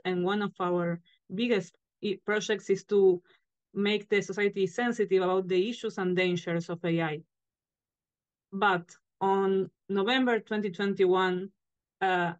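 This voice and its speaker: A woman's voice: mid-range voice, no echo. A woman speaking on a cell phone call over a shaky connection from a hotel room, a frank and outspoken panelist. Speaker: panelist, founder of a data organization. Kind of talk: online panel discussion. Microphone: cell phone on a video call. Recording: dull lo-fi phone audio.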